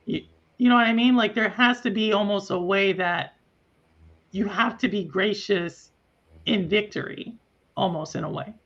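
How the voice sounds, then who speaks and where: A guest in a casual talk who speaks reflectively and haltingly, with many fillers. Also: mid-range voice, fairly bright tone, dull audio. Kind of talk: casual chat.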